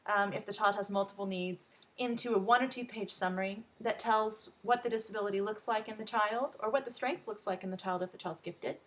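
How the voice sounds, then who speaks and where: Here the same kind of informal to-camera introduction comes from a Texan woman with an American Texan accent who advocates, coaches and tutors in education. She talks a little fast with hardly any pauses, her medium-pitched voice steady in tone.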